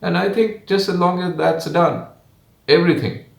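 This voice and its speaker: Indian guy w kannadiga accent, native kannada speaker, roomy echo, slow deliberate tv pundit talk, lots of pauses. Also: high-pitched, creaky. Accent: Kannadiga Indian English. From Karnataka, India. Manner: measured, deliberate, emphatic phrasing with frequent pauses. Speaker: guest commentator. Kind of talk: television interview opinion. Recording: roomy, echoing sound.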